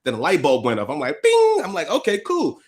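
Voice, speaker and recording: New guy talking real fast, slangy, acts out quotes, laughs a lot. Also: fairly high pitch, huge pitch swings. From USA. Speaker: guest. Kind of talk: casual interview storytelling.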